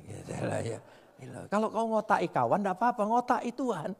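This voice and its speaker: A gravelly, husky older man delivering a sermon. He swings from quiet asides to loud, animated emphasis and teases his listeners playfully. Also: sits high, a little fast. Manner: animated preaching with sudden loud rises and playful teasing of the congregation. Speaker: pastor.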